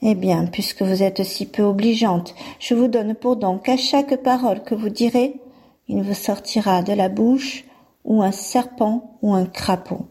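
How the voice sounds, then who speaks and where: A woman voicing a calm fairy who grants gifts in a read-aloud fairy tale, measured and unhurried. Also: medium pitch, slightly rough.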